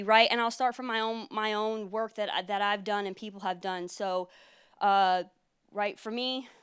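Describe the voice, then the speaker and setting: A woman in her thirties gives a conference talk in a smooth, resonant voice that is slightly hoarse. She explains earnestly, with frequent fillers, at a medium pitch. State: losing her voice. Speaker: military lawyer presenting at a conference. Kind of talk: conference presentation.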